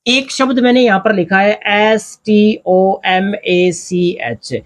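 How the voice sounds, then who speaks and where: Teaching English grammar at a board, an Indian-accented man works through the lesson step by step, asking his own questions and answering them. He speaks slowly in a high voice with fairly even intonation.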